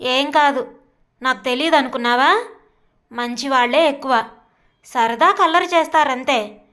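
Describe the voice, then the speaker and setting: A woman's voice: high-pitched, a bit bright. Woman voicing a teasing young college girl. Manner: teasing, stubborn, quick retorts.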